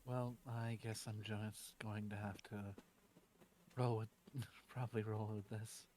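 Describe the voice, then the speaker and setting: A man's voice: on the low side, little pitch movement, unhurried, a little mellow. A friendly man chatting before a tabletop game, a bit hesitant and stammering. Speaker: player. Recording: faint background noise.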